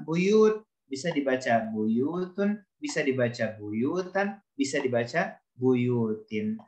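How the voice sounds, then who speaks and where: A male teacher works through a grammar lesson, patiently repeating examples and quizzing students by name. His voice sits at an ordinary pitch. The room echoes around him, and the recording sounds a little muffled. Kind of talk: classroom lesson.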